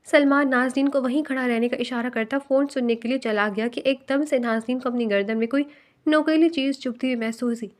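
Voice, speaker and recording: A woman's voice: sits high, steady tone. A woman narrating a romantic novel aloud, reading every part herself. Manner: reads every part herself, with quoted dialogue.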